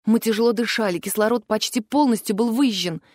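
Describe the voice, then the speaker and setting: A woman narrates a first-person fantasy audiobook with an expressive, emotional read. Her voice sits fairly high. The recording is dry and close, with no room sound. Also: a little fast, no echo.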